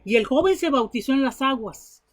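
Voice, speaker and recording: A woman's voice: sits high, expressive, normal speed. A woman preacher delivering a sermon, telling Bible stories and her own testimony in an earnest, emphatic way.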